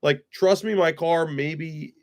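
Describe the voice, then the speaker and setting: A man's voice: on the high side, steady tone, slow pace, slight background noise. Blunt, swearing man hosting a stream. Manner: blunt and profane, swears freely. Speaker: streamer host. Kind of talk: casual chat. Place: room with friends.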